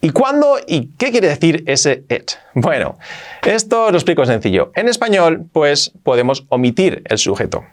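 A man from Spain teaching English to beginners in a video lesson, explaining in Spanish and slowly repeating the English examples and sounds. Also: a little high, big pitch swings.

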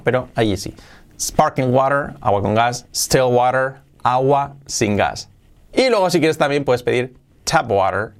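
Man, Spain Spanish accent, English teacher, gravelly voice, lively pitch, repeats words. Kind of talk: casual spoken lesson.

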